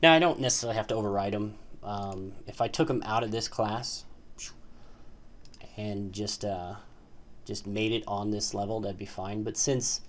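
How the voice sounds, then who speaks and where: A man's voice: lowish voice, moderate pace, fairly bright tone. A man giving a casual, hesitant coding tutorial, full of fillers and asking "right?" as he walks through his screen. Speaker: tutorial host.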